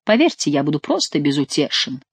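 A woman's voice: sits low, very animated, brisk, breathy edge, no room sound, full character voice. A woman voicing a mocking, ironic young male nobleman in an audiobook, with a teasing, mock-polite manner.

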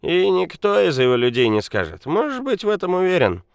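Drunk blustering mine boss, slurring and loud, voice jumping high , as a male narrator puts him on. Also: lively intonation, brisk, no room sound, clean studio sound, close to an everyday voice. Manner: slurring, shouting, swaggering. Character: drunk boastful male quarry owner, loud and unruly.

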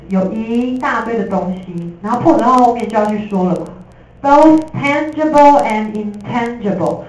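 A woman teacher with a Taiwanese Mandarin accent gives a lively, jokey classroom lecture, slipping in English terms. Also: a little high. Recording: echoey room from a distance.

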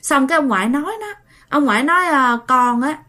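A woman tells a ghost story as if chatting with friends, speaking to her listeners directly. Her voice sits high and swings widely up and down as she narrates. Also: expressive, a little fast, pushed and bright. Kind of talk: casual ghost story telling.

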